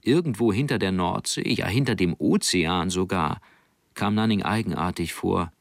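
Man, audiobook narrator, low voice, gravelly, calm, dry studio. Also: normal speed, no room sound.

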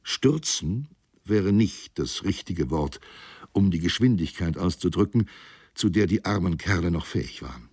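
A man reading a sea story aloud in a measured, weary, grave narrating voice. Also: low-pitched, expressive, a little mellow, breathy edge, no echo, clean studio sound. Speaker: audiobook narrator. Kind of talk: scripted narration of a sea novel.

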